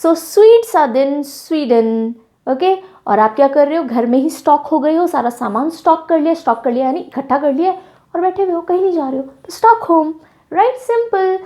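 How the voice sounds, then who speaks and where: A woman's voice: sits high, normal speed, mellow. A young woman teacher, explaining memory tricks in a playful way and acting out little scenes. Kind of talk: online lesson with memory tricks.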